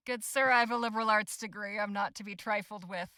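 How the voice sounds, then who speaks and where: A woman's voice: medium pitch, steady tone, fast talker, sharp tone, dry recording, natural voice. A woman voicing a haughty, articulate, defiant lady writer in a video game. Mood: haughty, indignant. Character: prim, defiant, well-educated woman writer. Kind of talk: video game dialogue acting.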